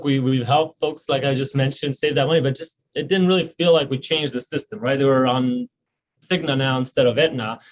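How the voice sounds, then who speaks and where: A man, a founder and CEO being interviewed on a podcast, talking earnestly with many restarts and filler words. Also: on the high side. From Romania. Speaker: health insurance company founder and CEO.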